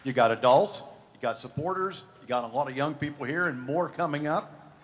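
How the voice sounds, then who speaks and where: A man acting as ring announcer, chatting with a buyer in quick, upbeat questions at a live event. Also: fairly high pitch. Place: fairground show ring.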